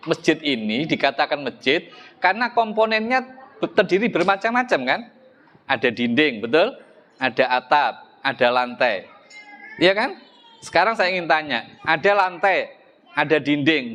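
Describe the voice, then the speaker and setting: A man's voice: on the high side, big pitch swings, moderate pace, fairly bright tone. A middle-aged man with an East Javanese accent giving a religious study lecture in a mosque, talking conversationally and asking his listeners rhetorical questions. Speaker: Islamic religious teacher.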